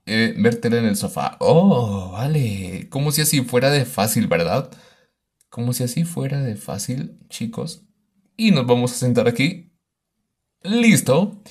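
Husky guy doing lively game commentary, voice jumps around a lot, yells when stuff happens. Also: medium pitch. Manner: animated, exclaims and talks to the game baby. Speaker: gaming YouTuber. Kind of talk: let's play commentary.

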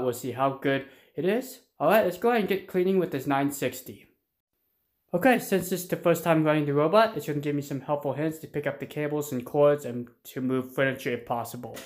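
A man hosting a robot vacuum review, talking in an upbeat, chatty explaining way. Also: medium pitch. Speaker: host.

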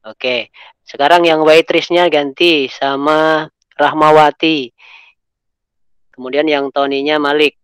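A man's voice: fairly high pitch, level tone, slow, pauses often, fairly bright tone, clean tone, dry recording. A male English teacher leading an online class, mixing English into his explanations and encouraging students. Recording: dull lo-fi online call audio.

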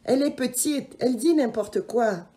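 A woman's voice: high voice, normal speed, warm tone, voice pushed up, close to an everyday voice. A woman voicing a cheeky young boy who speaks in a teasing, exasperated way in a storybook reading. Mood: pleading.

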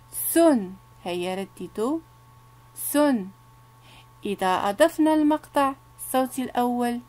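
A woman teaching young children to read, sounding out syllables slowly and coaxing them to repeat after her. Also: medium pitch. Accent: Moroccan. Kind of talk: reading lesson for young children.

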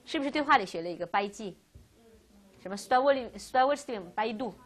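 A woman teaching a Russian grammar class, lecturing lively and asking questions she answers herself. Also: fairly high pitch, fast talker.

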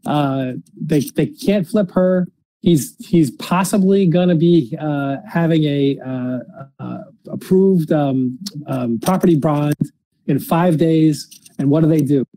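A man hosting a casual discussion, speaking haltingly and often repeating words as he feels out each sentence. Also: on the high side, mellow, no room sound, poor audio. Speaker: podcast host. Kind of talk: casual discussion of a criminal case.

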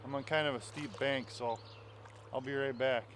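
A fishing vlogger in his thirties chats casually to the camera while fishing a small river, from the bank and from a canoe, enthusiastically explaining as he goes. His mid-range voice holds a steady tone at a normal pace and sounds fairly bright. There's a little hiss or hum in this outdoor vlog.

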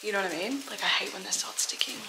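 Cooking while talking to camera, an Australian woman keeps up a casual vlog chat, quick and medium-pitched, peppered with "like" and other fillers. Her camera mic is held or propped close. Background noise and echo from the indoor kitchen are clear.

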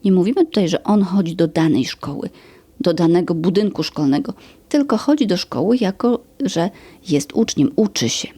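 A woman teaching English grammar in a podcast, slowly explaining rules and listing examples. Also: lowish voice, lively intonation, dark tone, husky, no room sound. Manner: slow, careful explaining with example lists.

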